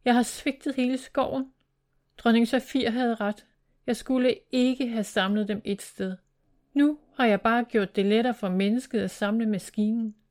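A woman's voice: mid-range voice, a little mellow, natural voice. A woman reading the part of a worried, frustrated male dragon-monster leader in a storybook tale. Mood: despairing. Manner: anxious, frustrated.

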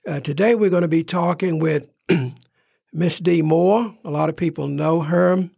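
Gravelly-voiced talk show host. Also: male voice, fairly high pitch, no room sound, clean studio sound. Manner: warm, filler-heavy, unhurried.

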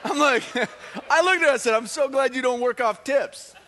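A man's voice: extremely high pitch, normal speed, background noise. A man preaching a sermon as pastor, telling stories in a joking, conversational way. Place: church hall. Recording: long hall reverb.

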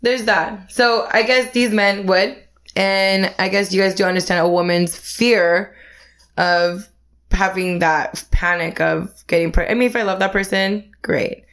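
A woman's voice: medium pitch, steady tone, unhurried, fairly bright tone. Young woman hosting a podcast chat, giggly and frank, talks a lot. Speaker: podcast host. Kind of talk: casual chat.

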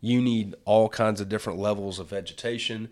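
A man's voice: on the low side, fairly even intonation, fairly quick, a little mellow. A man hosting a casual chat, explaining things in a folksy, plain-spoken way. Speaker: host and turkey conservationist.

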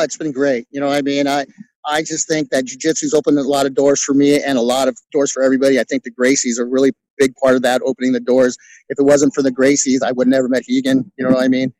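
Fast-talking middle-aged man, rambling stories. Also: mid-range voice, darkish tone, dry recording, rough recording. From California. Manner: rambling, lots of "you know", acts out quotes. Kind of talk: casual storytelling interview.

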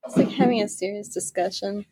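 A woman's voice: medium pitch, a little fast, dark tone, breathy edge, soft background music. A woman co-hosting a podcast, chatting casually with friends in a rambling way and laughing often. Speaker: podcast co-host. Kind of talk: casual chat among friends.

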